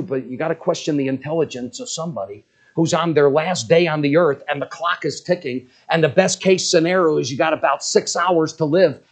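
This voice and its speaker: A man preaching a sermon with emphasis, throwing rhetorical questions to his congregation. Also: a little high.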